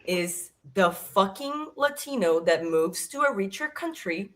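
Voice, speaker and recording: A woman's voice: mid-range voice, animated, unhurried, fairly bright tone. A woman from Brazil, co-hosting a casual podcast and ranting heatedly with plenty of swearing. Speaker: podcast co-host.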